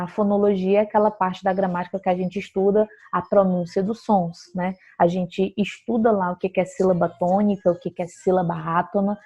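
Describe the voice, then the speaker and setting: A woman's voice: mid-range voice, darkish tone. A woman teaching a grammar lesson, explaining patiently and often checking in with her students.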